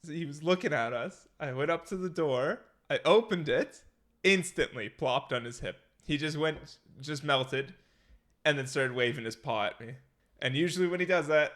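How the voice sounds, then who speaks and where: A man's voice: mid-range voice, fairly bright tone. A Canadian man co-hosting a podcast from home, chatting casually and laughing often as he tells stories. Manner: laughs often, playful storytelling. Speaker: podcast co-host. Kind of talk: casual chat. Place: home room.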